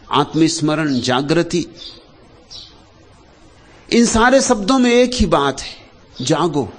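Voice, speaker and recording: A man with a fairly high voice delivers a spiritual discourse at a very slow, deliberate pace. His pitch swings widely, sinking to hushed low phrases and climbing to loud emphatic ones, with long pauses between short lines. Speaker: spiritual teacher.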